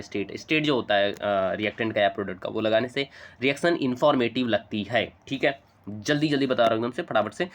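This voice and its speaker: Male teacher, quick chatty explainer who keeps checking in with the class. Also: medium pitch, fairly bright tone. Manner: fast, chatty, coaxing with frequent "theek hai" and "bhai". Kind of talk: chalk-talk chemistry lesson.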